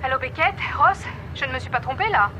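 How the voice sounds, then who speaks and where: Brisk, high-voiced determined woman. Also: expressive, muffled recording, very noisy. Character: brisk, determined woman carrying vital data for her country. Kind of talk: French dub of an action TV series. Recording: loud music over the voice.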